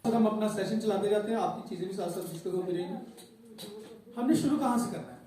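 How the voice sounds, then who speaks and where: A man's voice: sits high, fairly quick, warm tone, a little hiss or hum. A man with a Pakistani Urdu accent, leading an interactive parenting workshop and asking the audience questions. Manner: conversational, asks the audience questions. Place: school hall with an audience. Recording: echoey hall from far off.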